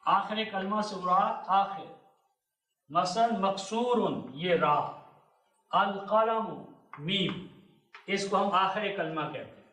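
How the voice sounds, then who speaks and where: A man teaching a classroom lesson, speaking slowly and repeating each word for his students, recorded in a 1990s classroom. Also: high-pitched, pushed and bright. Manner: slow, repeats words for students. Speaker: Arabic teacher. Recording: echoey 1990s room recording from far off.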